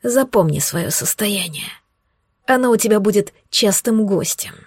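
A woman voicing a smug, teasing male demon lover who speaks in a low, slow, mocking murmur. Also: lively intonation, husky.

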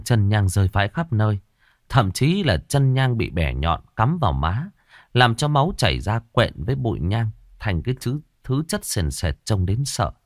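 A man telling a ghost story with dramatic flair. His pitch moves a lot as the tension builds, and the recording is dry and close, with no room sound. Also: no room sound. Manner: dramatic, expressive. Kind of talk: horror story narration.

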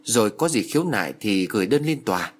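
A man voicing a stern middle-aged male court bailiff who reads out orders formally, in a husky voice. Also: lowish voice, very animated, fast talker. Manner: formal, pompous reading of orders.

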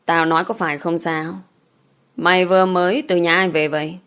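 A woman voicing a drunken, abusive village father in an audiobook, cursing and threatening in a lowish voice. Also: level tone, normal speed, a bit bright, clean tone, close to an everyday voice. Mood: scornful.

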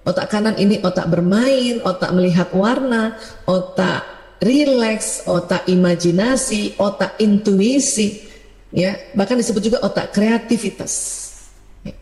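A woman's voice: medium pitch, unhurried. Middle aged woman preaching about parenting, acts out parents and kids, big echoey hall. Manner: lively, acts out parents' and children's voices, rhetorical questions. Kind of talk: religious talk on parenting. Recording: echoey hall with long reverb.

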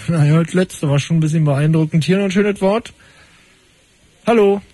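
Brisk high-voiced radio host. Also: male voice, mellow, no echo. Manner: brisk, wry, cutting callers short. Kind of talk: fast call-in radio show.

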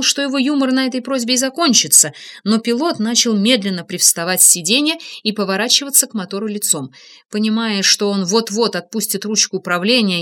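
Bright-voiced woman narrating an audiobook. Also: mid-range voice. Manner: steady, expressive reading. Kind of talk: scripted first-person narration.

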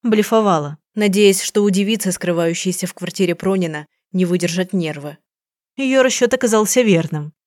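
A woman narrating an audiobook in a steady, measured way. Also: lowish voice, dry recording, studio quality.

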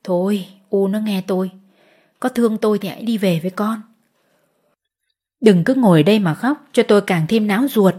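A woman voicing a weak, tied-up peasant husband who gently urges his wife to go home. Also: medium pitch, normal speed, pauses often, husky, natural voice. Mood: gentle. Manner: trembling, soft, urging.

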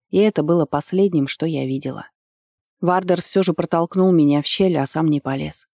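A woman narrating a first-person fantasy audiobook in an even storytelling manner, lifting her voice for dialogue. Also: low-pitched, no echo, studio quality. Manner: even, storytelling delivery with lively lifts on dialogue. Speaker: audiobook reader.

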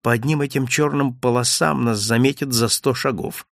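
A man voicing a calm, didactic Italian male detective in an audiobook reading, speaking in a lecturing, commanding manner. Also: medium pitch, normal speed, gravelly, no echo, studio quality, close to an everyday voice. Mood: instructive.

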